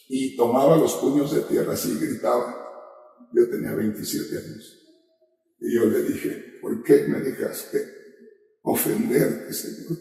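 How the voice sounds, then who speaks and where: A gravelly, dark-voiced man preaches his testimony with fervor, his voice swelling into cries as he retells his prayers. He is caught by a distant mic in a long-echoing church hall. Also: mid-range voice. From Mexico. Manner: impassioned storytelling, voice rising to cries in quoted prayers. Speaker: pastor. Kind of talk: personal testimony in a sermon. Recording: echoey hall from far off.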